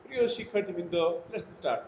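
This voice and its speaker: A man teaching an English grammar lesson to students, reading his English example sentences out slowly and deliberately between his explanations. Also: sits high, lively intonation, darkish tone. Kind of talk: recorded classroom lesson. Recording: lo-fi echoey room with faint noise.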